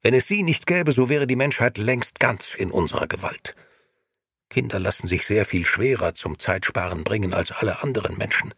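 Male reader doing stern cold judge of the grey men, storybook, sharp questions swinging up and down. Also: fairly low pitch, lively intonation, moderate pace, slightly rough, dry recording, studio quality, heavily acted.

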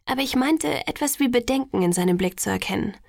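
A woman reading a first-person audiobook in a measured, quietly reflective way. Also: on the high side, animated, vocal fry, no echo, clean studio sound. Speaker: audiobook narrator.

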